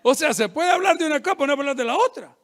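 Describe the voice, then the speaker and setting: This middle-aged pastor's sermon comes out very high-pitched and very fast. He jokes, stays animated, and plays out the voices of the people he quotes.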